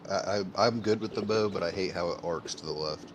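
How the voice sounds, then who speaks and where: A man's voice: low voice, fairly quick, slight background noise. A man in casual gaming chat, answering briefly and easygoingly. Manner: short replies, easygoing. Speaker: player.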